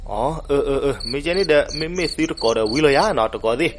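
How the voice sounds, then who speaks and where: A man narrating a folk legend, animated and switching voices for the characters. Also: on the high side, racing. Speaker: storyteller. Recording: noisy recording with crickets behind.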